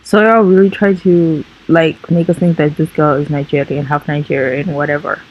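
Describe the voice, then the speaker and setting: A woman's voice: low voice, fairly even intonation, normal speed. A woman from Africa with an African accent, ranting emphatically and repeating her points in a clip. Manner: emphatic, repeats points, calls people liars. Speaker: social media commentator. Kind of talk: indignant rant. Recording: slightly dull, lo-fi audio.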